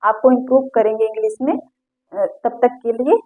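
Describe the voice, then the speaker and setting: A woman's voice: a little high, normal speed. A woman teaching English pronunciation rules, patiently repeating each example word. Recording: tinny phone-like audio.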